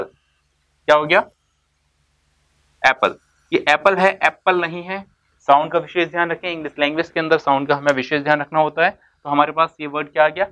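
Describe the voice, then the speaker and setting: Mixing Hindi and English, this teacher runs a classroom-style lesson on basic English terms, posing questions and answering them on his own. He draws out words slowly to stress them, his voice on the high side and pushed and bright, though the recording is rough.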